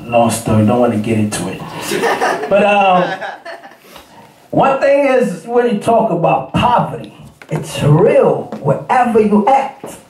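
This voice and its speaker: A man's voice: high-pitched, very animated, slow pace, a little mellow, slight background noise. A man from Congo performing spoken-word rap in a rhythmic rhyming flow, chatting casually to the crowd between pieces. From Democratic Republic of Congo. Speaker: rapper. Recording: echoey room, far from the mic.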